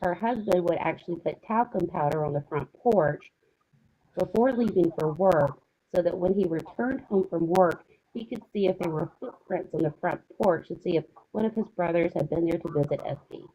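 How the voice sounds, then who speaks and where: A woman's voice: lowish voice, moderate pace, mellow. A woman hosting a live stream, her voice muffled and distant as if her phone mic is covered. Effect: muffled, distant sound as if from behind a covered mic. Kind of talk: casual live-stream storytelling. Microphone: phone with a Bluetooth earbud.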